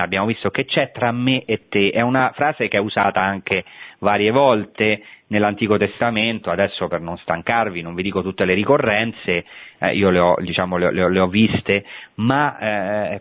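A man delivers an explanatory Bible lecture, often pausing and hesitating as he searches for the right word. His voice sits on the low side. It comes through dry and narrow, like a tinny radio broadcast. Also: no room sound. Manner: thoughtful, pauses to search for words with many hesitations. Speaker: Bible teacher. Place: on site at a historic holy place. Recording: thin phone-like radio broadcast.

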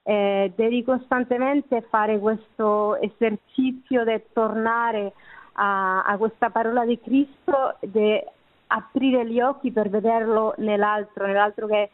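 A woman's voice: a little high, fairly even intonation, slow. An Italian-speaking woman gives a reflective personal testimony as a guest, searching for words, in narrow phone-like sound. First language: not Italian. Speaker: interview guest.

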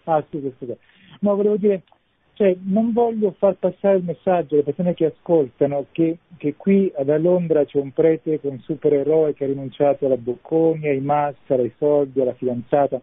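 A husky, fairly high-voiced man comes through a thin, tinny phone line. He is a priest calling in to a radio discussion, and he speaks reflectively, pausing to find the right word. The sound is dry and close. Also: no echo. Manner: reflective, searching for words with small restarts. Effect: heard over a phone line. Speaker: parish priest phoning in as guest. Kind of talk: radio call-in testimony.

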